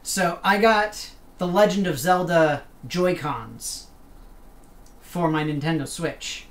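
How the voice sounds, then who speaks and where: Speaking slowly in a fairly low voice, a woman streams a game from her desk at home with casual live commentary. She jokes around, plays with put-on accents, and talks back to the game, and the recording is roomy with a faint hum.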